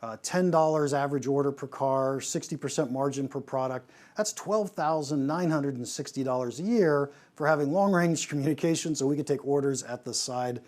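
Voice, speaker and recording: A man, a pricing consultant, giving an animated presentation on pricing, asking rhetorical questions and often restarting his sentences. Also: mid-range voice, normal speed, few pauses.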